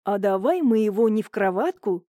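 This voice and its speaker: A woman voicing a devoted husband, an army major, who speaks softly and tries to calm his wife. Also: mid-range voice, moderate pace, no room sound, clean studio sound, close to an everyday voice. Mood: tender. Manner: soft, placating.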